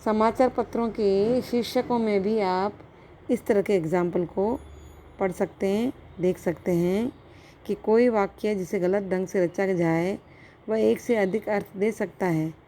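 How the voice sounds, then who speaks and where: A woman's voice: mid-range voice, unhurried, warm tone, slight background noise. A woman philosophy lecturer giving a recorded college lecture, explaining step by step with examples and checking in with her students.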